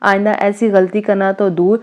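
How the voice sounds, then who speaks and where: Brief: protective older brother, firm yet kind, as a woman reads him, mellow warm voice, spoken story. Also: mid-range voice, lo-fi sound, close to an everyday voice. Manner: calm, reassuring, firm.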